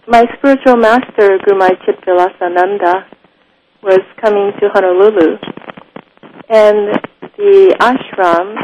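A woman from Japan talks in a calm, very unhurried way. She pauses to think and fills the gaps with soft ums. A faint hiss sits under the recording. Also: mid-range voice, poor audio. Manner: slow, thoughtful, often pauses with ums. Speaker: guest. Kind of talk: unhurried spoken interview.

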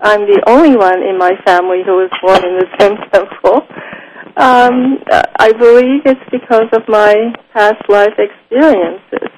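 A woman from Japan talks in a calm, very unhurried way. She pauses to think and fills the gaps with soft ums. A faint hiss sits under the recording. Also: mid-range voice, low-quality recording. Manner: slow, thoughtful, often pauses with ums. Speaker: guest. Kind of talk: unhurried spoken interview.

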